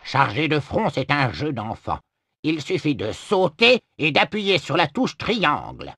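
An actor playing a big, sly, money-grubbing bear merchant with unhurried, smugly genial sales patter in a video game. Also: male voice, a little high, huge pitch swings, pushed and bright, slightly rough, no room sound, clean studio sound, faint music behind, full character voice. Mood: smug, instructive. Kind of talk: cartoonish video game acting.

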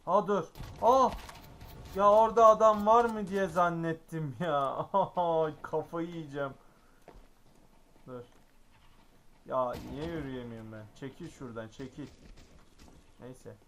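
Excitable man narrating his gameplay. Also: a little high, slow, long pauses. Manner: excitable, exclaiming, grumbling at the game. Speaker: gaming YouTuber. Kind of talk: live gameplay commentary.

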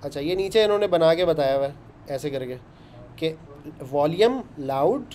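Brief: male instructor, slightly high, mellow voice, faint hiss behind. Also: lively intonation, moderate pace. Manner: chatty, explains step by step with frequent "ṭhīk hai". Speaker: programming instructor. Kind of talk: casual coding lesson.

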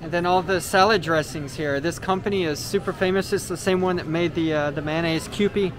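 A man with a fairly high voice speaks briskly, hosting a vlog in which he strolls through a large indoor supermarket and casually explains products. He comes across as relaxed and explanatory, often saying "uh." Ambient store noise is picked up by the handheld camera mic he uses on the move.

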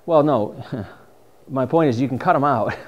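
This middle-aged New England man, a mushroom foraging instructor, speaks in a mid-range voice at normal speed. He's chatty and enthusiastic, giving a casual slide talk in a dim classroom with a projector screen, and the far camera recording has its highs cut off.

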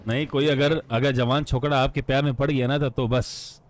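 A man's voice: medium pitch, little pitch movement, normal speed. A man with an Indian accent chatting and joking in a game role-play as a police officer, now and then singing. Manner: joking, breaks into singing film songs. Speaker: streamer playing a police officer. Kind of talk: casual role-play chat.

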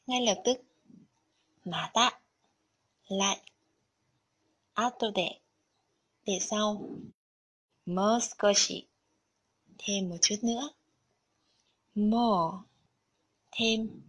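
A woman's voice: mid-range voice, slightly rough. A woman narrating a scripted Japanese lesson, carefully explaining vocabulary and kanji one item at a time. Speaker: Japanese language teacher.

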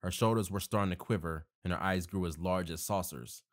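A man's voice: low-pitched, fairly quick. A man narrating a horror story, reading casually with self-corrections and joking asides.

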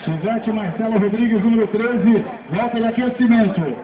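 A man's voice: high voice, moderate pace. A Brazilian man doing live motorsport commentary as an event announcer, mixed with informal, chatty banter for the crowd. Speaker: event announcer at a drift show. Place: outdoor race track, heard from the spectator stands. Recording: muffled, echoey, distant PA amid loud engine noise. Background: loud car and vehicle noise.

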